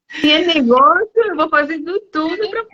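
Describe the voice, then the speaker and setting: During an interview, a woman who works as a Spanish teacher and travel agent shares anecdotes with animation, voicing her students' lines in high-pitched tones. The recording has a dull, lo-fi quality and slight background noise.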